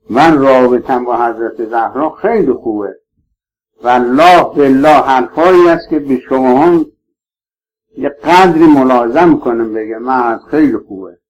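A man's voice: medium pitch, rough recording. A man preaching a sermon to his listeners, emphatic and pleading, swearing oaths to stress his points.

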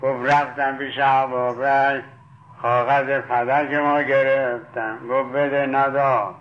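A man's voice: mid-range voice, level tone, dull audio. A man preaching a sermon, retelling stories with quoted dialogue and fondly addressing his listeners. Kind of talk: sermon storytelling.

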